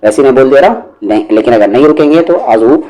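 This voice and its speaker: A man teaching recitation word by word, spelling out each syllable and then reciting the words slowly and drawn out. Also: mid-range voice, lively intonation, dark tone, poor audio. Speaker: Quran teacher.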